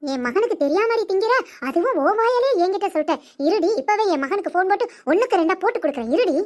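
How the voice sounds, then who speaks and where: A woman doing a shrill nagging old mother-in-law. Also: lively intonation, fast talker. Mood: scheming. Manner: scolding, nagging, loud. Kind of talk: cartoon comedy voice acting.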